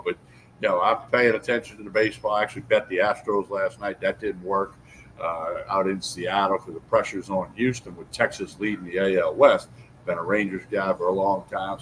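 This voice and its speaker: Low-voiced man giving folksy sports takes. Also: a bit bright, slight background noise, poor audio. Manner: folksy, opinionated, with many fillers. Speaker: sports talk show co-host. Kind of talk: casual sports chat.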